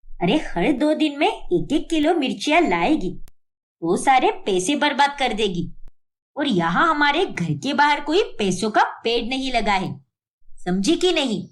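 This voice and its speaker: A stern, shrill middle-aged mother-in-law in a cartoon story, voiced by a woman. She scolds constantly, her voice rising high and swooping widely. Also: sing-song, measured pace. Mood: scolding.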